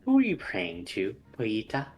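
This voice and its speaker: Shadowy, disdainful sister apparition, played by a man, tabletop game, deep register, condescending and quietly menacing. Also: wildly swooping pitch, moderate pace, soft background music. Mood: cold disdain.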